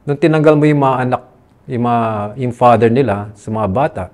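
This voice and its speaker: A man's voice: mid-range voice, brisk, darkish tone. A man with a Filipino accent telling his own story in an interview, earnest and aggrieved, switching between Tagalog and English mid-sentence. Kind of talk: candid personal testimony.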